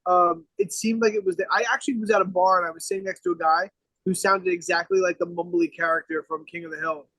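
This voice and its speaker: A man's voice: sits high, steady tone, fast talker, sharp tone, dry recording, poor audio. A young man co-hosting a podcast outdoors, brash and rambling, swearing constantly in casual chat. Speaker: podcast co-host.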